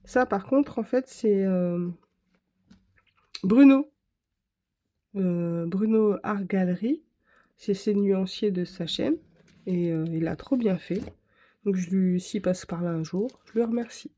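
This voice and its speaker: A woman's voice: mid-range voice, slow pace, long pauses, dark tone. A woman vlogger chatting casually to camera, rambling and correcting herself as she shows her art supplies. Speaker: craft vlogger.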